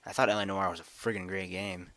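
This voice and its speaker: A man's voice: low voice, little pitch movement, fast talker, a bit bright, dry recording. A young man co-hosting a casual gaming podcast, joking around and laughing often. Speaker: podcast co-host.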